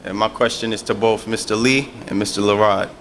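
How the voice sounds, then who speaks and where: A man's voice: lowish voice, fairly even intonation, fairly quick, a bit bright, a little hiss or hum. A man from the audience introducing himself and politely asking the panel a question. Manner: polite, formal. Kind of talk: formal question from the floor.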